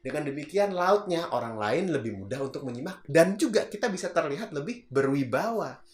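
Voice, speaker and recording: A man's voice: fairly high pitch, lively intonation, fairly quick. Chatty man coaching in an echoey room. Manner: chatty, acts out example voices, laughs at own jokes. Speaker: public speaking coach. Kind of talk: casual video lesson. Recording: roomy echo.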